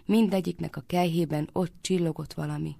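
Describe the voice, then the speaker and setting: A woman narrates a folk tale for a radio program with measured, expressive pacing. Her voice is low and gravelly, recorded close with a dry sound. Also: no echo. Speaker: storyteller. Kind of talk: radio story reading.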